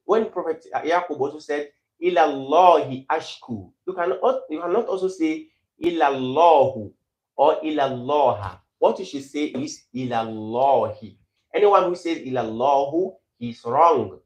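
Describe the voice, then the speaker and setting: A man teaching Arabic grammar who repeats example phrases slowly and then explains them. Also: a little high, animated. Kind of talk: grammar lesson. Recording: echoey room.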